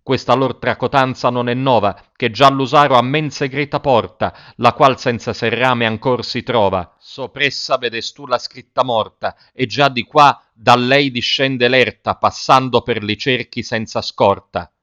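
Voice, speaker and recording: A man voicing a calm, wise old male spirit guide, speaking in measured, solemn reassurance in a dull lo-fi recording. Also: mid-range voice.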